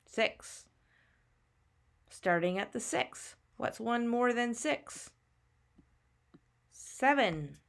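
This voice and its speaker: A woman teacher narrates a maths lesson for young children, patiently guiding a child through counting step by step with simple questions and answers. Her voice is fairly high-pitched with vocal fry.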